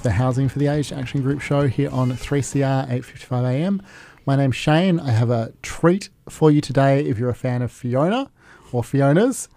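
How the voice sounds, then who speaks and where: A man's voice: medium pitch, warm tone, dry recording. A man co-hosting a community radio show in a casual, joking way, recorded in a studio. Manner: playful, joking.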